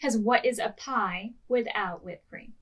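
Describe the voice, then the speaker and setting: A children's librarian in her thirties hosts storytime, reading aloud and giving simple instructions to preschoolers in an expressive way. Her voice is a little high and a bit bright, with a measured pace.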